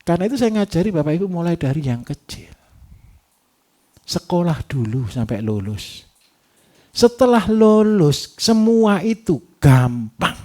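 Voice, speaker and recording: A man giving a livestock farming workshop, lively and teasing, who keeps asking his audience rhetorical questions. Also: high-pitched, a little slow. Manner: animated, repetitive, teasing.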